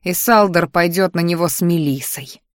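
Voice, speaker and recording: A woman reading a novel aloud as an audiobook narrator, in steady first-person narration. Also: on the low side, normal speed, no echo, studio quality.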